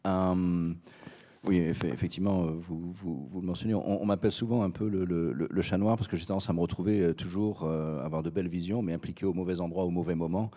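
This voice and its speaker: In a conference hall, a French man who heads a cognac firm speaks hesitantly on a panel, using many fillers and repeating words. His voice sits low, steady and mellow, at a brisk pace.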